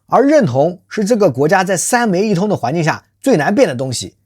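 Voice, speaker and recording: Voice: medium pitch, very animated, brisk, darkish tone, husky, no room sound, clean studio sound. A channel host delivering a scripted social commentary monologue, rhetorical and emphatic, often posing questions to listeners. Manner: calls self by nickname in third person.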